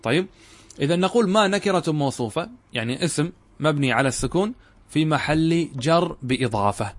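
A man's voice: on the high side, expressive, brisk. A middle-aged man lecturing on Arabic grammar, explaining step by step and asking his students questions that he then answers himself. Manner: addresses students directly and urges them to pay attention. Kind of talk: classroom lecture.

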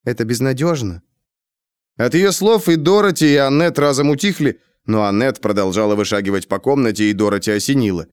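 A man reading a novel aloud as an audiobook narrator, in measured storytelling. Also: mid-range voice, animated, smooth, dry recording, clean studio sound. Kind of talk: scripted narration.

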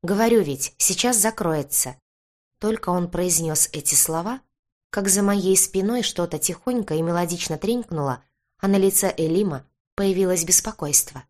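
Sex: woman. Role: audiobook narrator. Style: first-person fiction narration. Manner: wry and lively. Pitch: somewhat low. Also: moderate pace.

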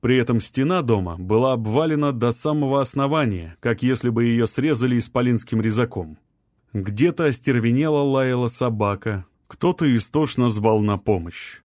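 An audiobook narrator, male, works through scripted narration with a calm, even storytelling delivery. His pitch is medium, and the studio-quality recording has no room sound.

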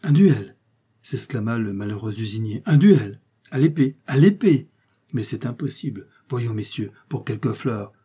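A man's voice: lowish voice, steady tone, moderate pace, hardly any pauses, darkish tone, husky. A man voicing a flustered, naive businessman. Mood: panicked. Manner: pleading, anxious and protesting. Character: naive, flustered middle-aged male sugar maker. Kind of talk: audiobook character reading.

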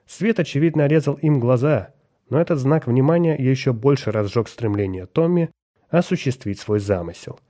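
A man narrating a science fiction audiobook in a measured, even storytelling manner. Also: medium pitch. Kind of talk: scripted narration.

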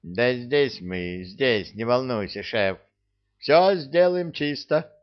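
Man playing a tough henchman, casual laid-back talk, slow drawl, storybook audio. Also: medium pitch, expressive, lo-fi sound, pitched above the performer's own voice. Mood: assured. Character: cool male henchman, reassuring and tough.

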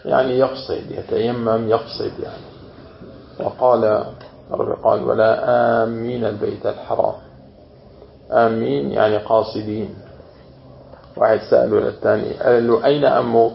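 A man's voice: lowish voice, flat delivery, normal speed, vocal fry, long pauses, slight background noise. A man teaching as a sheikh, explaining a classic text word by word and checking with a yes. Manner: explains word by word, often saying yes and you mean. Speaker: sheikh teaching Quranic exegesis. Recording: roomy, dull lo-fi room recording.

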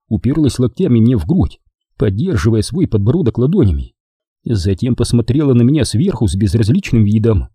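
Dark husky man reading a story. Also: dry recording, clean studio sound. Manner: reads all parts, raising pitch for women. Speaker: audiobook narrator. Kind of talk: scripted narration.

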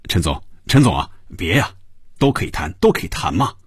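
A man voicing a wily male negotiator who coaxes and pleads in drawn-out tones, in a spoken story. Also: lowish voice, sing-song, husky, no echo, studio quality. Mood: coaxing.

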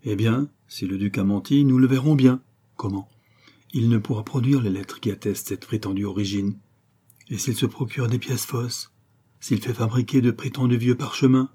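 A man reading an audiobook, voicing a cunning young adventurer who poses as a count and speaks in a measured, coaxing, confiding way. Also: mid-range voice, fairly even intonation, warm tone, husky, natural voice. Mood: persuasive.

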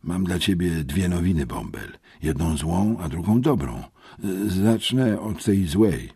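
A man reading an audiobook, voicing a hoarse, embarrassed teenage boy who calmly delivers gang threats. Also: low-pitched, a little slow, no room sound, clean studio sound, pitched above the performer's own voice, full character voice. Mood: calmly menacing. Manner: calm, smoothly menacing. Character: hoarse, sly teenage schoolboy racketeer messenger.

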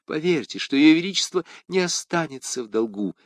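A worried young woman, played by a man reading a storybook speaks in hushed, fearful tones. Her lines jump widely in pitch yet stay low and soft. The recording is close and dry. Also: animated, brisk, no echo, close to an everyday voice. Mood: anxious.

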